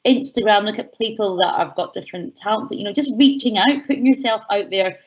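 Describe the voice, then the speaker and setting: A Scottish woman giving advice in an online Q&A session, talking fast and excitedly with fillers. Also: medium pitch, dull audio. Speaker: guest speaker. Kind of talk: online webinar Q&A talk.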